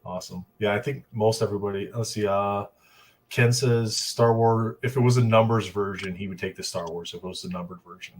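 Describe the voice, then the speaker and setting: A man's voice: lowish voice, fairly even intonation, brisk, a little hiss or hum. A man hosting a casual group livestream chat, laid-back, reading out chat comments. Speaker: livestream host.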